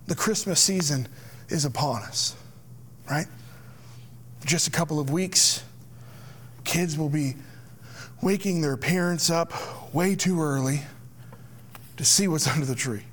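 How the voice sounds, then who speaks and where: A man preaching a sermon as pastor, slow and deliberate, sometimes dropping to a hushed near-whisper. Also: a little high, a little hiss or hum.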